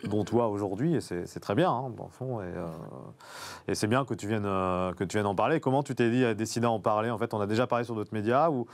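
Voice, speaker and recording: A man's voice: lowish voice, quick pace. A man hosting a casual talk show, who rambles and often restarts his sentences. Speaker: host.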